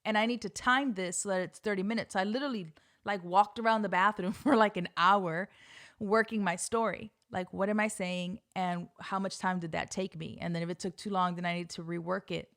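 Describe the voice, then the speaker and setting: A woman's voice: medium pitch, fairly even intonation, fairly quick, fairly bright tone. A middle-aged woman hosting a podcast, telling a story casually and animatedly, often laughing and swearing. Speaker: podcast host.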